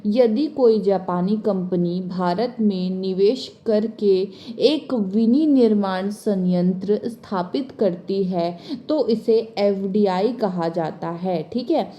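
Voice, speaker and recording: A woman teaching commerce in a bilingual exam-prep lecture, reading English lines slowly and then explaining quickly, often stopping to check that her students follow. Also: medium pitch, lo-fi sound. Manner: repeats points with frequent check-ins.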